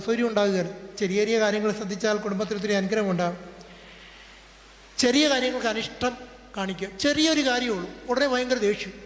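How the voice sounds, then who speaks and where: Priest guy preaching, kerala accent, high-ish voice, slow and measured, echoey hall. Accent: Kerala Malayalam. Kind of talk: sermon on family life. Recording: reverberant hall.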